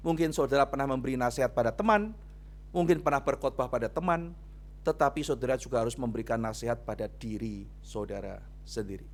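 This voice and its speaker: A male pastor preaching a sermon at a church youth service, in a lively storytelling manner that keeps turning to address his listeners directly. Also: medium pitch, fast talker. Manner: animated storytelling, often addressing listeners as brothers and sisters.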